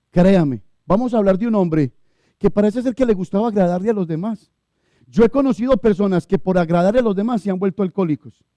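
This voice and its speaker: A man with a Colombian accent preaching a sermon as pastor of a church, emphatic, with loud high bursts and low quiet stretches. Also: dry recording. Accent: Colombian Spanish.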